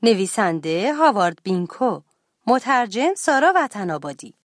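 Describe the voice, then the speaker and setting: A woman narrating a children's bedtime story in a clear, animated storytelling voice. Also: medium pitch, no echo, clean studio sound.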